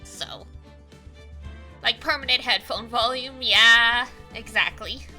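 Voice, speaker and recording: Over faint background music, a Canadian woman streams a video game and chats in a cute anime-girl voice, casual and animated. Her delivery is fairly high, a little slow, pushed and bright.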